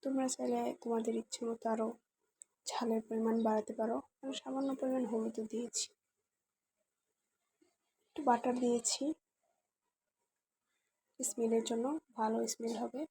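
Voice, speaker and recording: A woman's voice: fairly high pitch, level tone, normal speed, long pauses, mellow, husky, no echo. A woman hosting a cooking channel, talking viewers through a recipe step by step in a chatty, direct way. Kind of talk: casual recipe tutorial voice-over.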